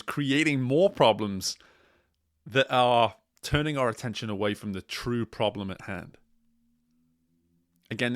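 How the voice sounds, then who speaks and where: A man speaking as a coach and host in a motivational monologue, deliberate and emphatic, repeating key phrases. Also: medium pitch, fairly bright tone, dry recording, clean studio sound.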